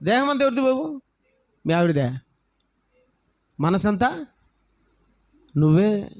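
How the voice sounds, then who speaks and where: A male pastor, preaching a sermon through animated storytelling and repeated rhetorical questions. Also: sits high, slow, creaky. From South India.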